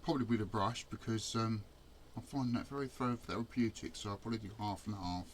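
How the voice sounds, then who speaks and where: A man with a lowish voice talks through his model build at a home workbench. He chats in a relaxed, self-deprecating way, half muttering to himself while he works. A faint hum of the room sits behind him. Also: fast, rough recording. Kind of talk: casual build commentary.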